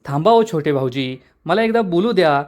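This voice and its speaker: A man's voice: fairly high pitch, animated, moderate pace, natural voice. A man voicing a cheerful young bride. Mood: playful.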